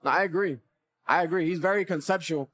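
A young man with a notably high voice hosts a podcast interview. His phrasing is casual and slangy, with frequent words of agreement, spoken into a studio-style microphone in a small room. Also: fast, fairly bright tone. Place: small indoor room with couches. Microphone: podcast microphone on boom arm.

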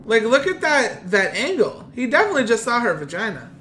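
Excitable, profane young man gaming. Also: extremely high pitch, a little fast, a little hiss or hum. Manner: loud, profane, excitable reactions. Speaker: gaming youtuber. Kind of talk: let's play commentary.

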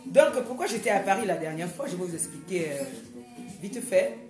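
A woman's voice: lowish voice, lively intonation, moderate pace, echoey room, music in the background. A woman speaking in a casual vlog monologue, emphatic and repetitive, often hesitating and restarting her sentences. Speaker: vlogger.

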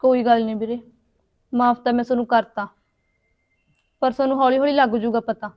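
A woman's voice: a little high, fairly even intonation, brisk, darkish tone, lightly acted. A woman acting a mistreated young widow who answers her brother and sister-in-law meekly, then in despair. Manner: meek, pleading, desperate. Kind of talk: amateur village short-film acting.

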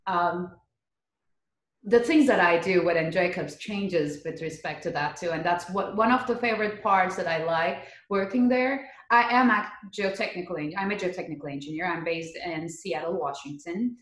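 This woman from Turkey, in her thirties and speaking with a Turkish accent, is a geotechnical earthquake engineer giving conversational interview answers as a podcast guest. Her voice is lowish and her speed normal. She joins a video call from her living room, and her computer mic produces a roomy echo.

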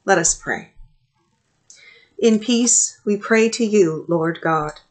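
Reading a liturgy aloud, a middle-aged woman priest conducts morning prayer from a small office, her webcam sitting at desk distance. She delivers scripture and prayers at medium pitch in a steady, measured way, pausing between phrases.

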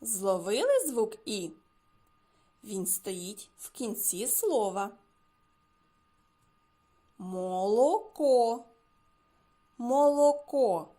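A woman teaching a speech lesson to preschool children, saying each word slowly and clearly and repeating it. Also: mid-range voice, big pitch swings, a little mellow. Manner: slow, clearly articulated words, repeated for children. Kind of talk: slow lesson for small children.

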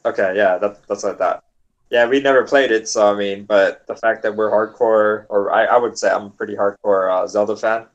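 Chill young guy on a gaming podcast, lowish voice, cusses a lot, super casual. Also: steady tone, fairly quick, dull audio. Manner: laid-back, swears freely. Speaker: podcast co-host.

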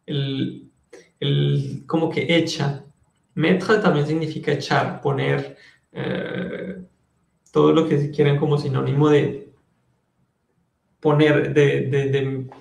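A man teaching a French class in Spanish, slowly repeating words and switching between languages while calling on students by name. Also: a little high, vocal fry, darkish tone, echoey room. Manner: slow, patient, repeats words to drill pronunciation.

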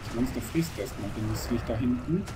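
A man commentating a horror game playthrough, excitable, urging the game character on and swearing when it gets tense. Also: mid-range voice, a little fast, background noise. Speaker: gaming channel host.

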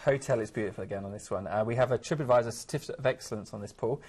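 A man pitches resorts on a shopping channel. He gushes and repeats his praise, with filler ums between phrases. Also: very fast, a little mellow, breathy edge. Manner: gushing, repeats "absolutely beautiful". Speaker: travel agent guest. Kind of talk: sales presentation.

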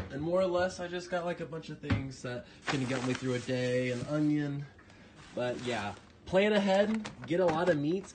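Male personal trainer, mid-pitched, loose and chatty, handheld phone audio with noticeable background noise. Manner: rambling, loose and chatty with many fillers. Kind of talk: casual grocery haul vlog. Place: home kitchen, indoors. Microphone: handheld phone camera.

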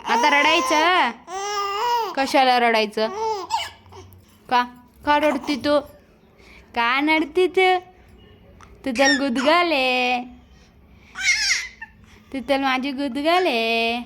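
A woman's voice: high-pitched, extremely slow, pauses often. A young woman, a mother, talking baby talk to her infant in a coaxing, sing-song way and imitating baby speech. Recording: clear background noise.

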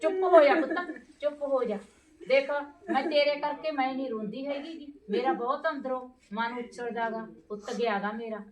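An actress playing a middle-aged mother who hushes and comforts her son's widow over and over. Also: sits high, normal speed, reverberant, far from the mic, close to an everyday voice. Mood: consoling. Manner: soothing, repeats hushing words.

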